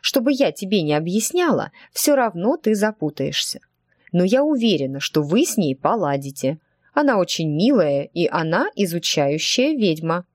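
A fussy, chatty witch teacher, as a woman reading an audiobook puts her on, rambling and gently evasive. Her lowish voice swoops up and down lively, recorded dry and close. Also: normal speed, dry recording. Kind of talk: audiobook character voice.

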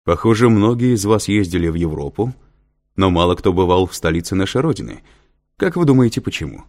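A man's voice: low-pitched, very animated, brisk, a little mellow. A man reading an audiobook, voicing a patient male professor who explains and lectures with dry humor. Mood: lecturing. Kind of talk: audiobook character voice.

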